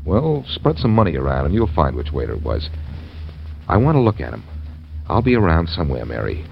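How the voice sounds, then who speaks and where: An actor in an old radio drama playing a self-assured, wry amateur detective who talks smoothly and insistently. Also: male voice, rumbling low, wildly swooping pitch, fairly quick, heavily acted. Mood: urgent, wry. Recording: dull, noisy old radio recording.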